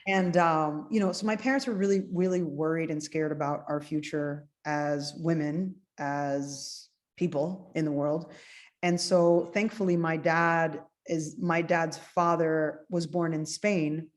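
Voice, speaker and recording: Forties woman guest, from Cuba via New Jersey, low voice, conversational. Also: steady tone, a little slow. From Cuba, raised in New Jersey. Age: 40s. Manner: conversational, many fillers like "you know". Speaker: optometrist guest. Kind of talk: casual interview.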